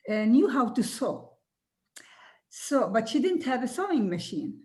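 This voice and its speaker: An older woman from Jordan, a native Arabic speaker, telling her life story slowly and earnestly, with soft laughs now and then. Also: fairly high pitch. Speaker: guest speaker. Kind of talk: recorded video conversation.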